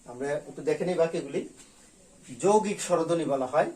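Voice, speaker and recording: Fairly high-voiced male teacher drilling sounds. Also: animated, mellow. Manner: repeats key sounds slowly and drills them. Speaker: school teacher. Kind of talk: online grammar class.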